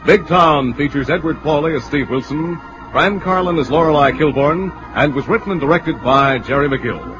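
A man's voice: fairly high pitch, normal speed. Old-time American radio announcer, male, emphatic formal sell, muffled vintage broadcast with music underneath. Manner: emphatic, formal salesman delivery. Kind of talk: old-time 1940s-50s radio announcing, scripted sponsor and closing narration. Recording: dull vintage radio recording, music behind.

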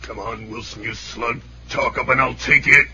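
A man's voice: mid-range voice, steady tone, normal speed, close to an everyday voice. An actor playing a surly, threatening gangster gunman in an old-time radio crime drama, talking tough slang. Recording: dull, noisy vintage radio recording.

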